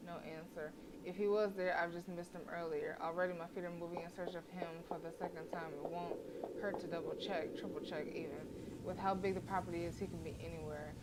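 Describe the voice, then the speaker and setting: Reading a horror visual novel aloud on her livestream, a woman with a voice on the low side speaks a little fast with fairly even intonation. Her casual delivery has stumbles and self-corrections, and the mic picks up noise.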